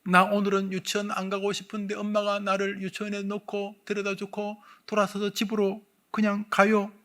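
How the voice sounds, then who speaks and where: A man's voice: sits high, monotone, moderate pace, pushed and bright, voice pushed up. A man voicing a sixty-five-year-old woman who is reliving being a sad kindergarten girl, pleading tearfully in a childlike way.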